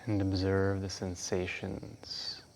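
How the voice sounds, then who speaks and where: A man leading a guided breathwork meditation as instructor, speaking in a calm, hushed, unhurried way with long pauses. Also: sits low, creaky, slight background noise.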